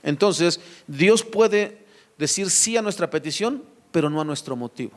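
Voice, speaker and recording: High-voiced preacher asking questions. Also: male voice, lively intonation, measured pace. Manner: preaching with rhetorical questions and direct address. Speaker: pastor. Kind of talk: sermon. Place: church.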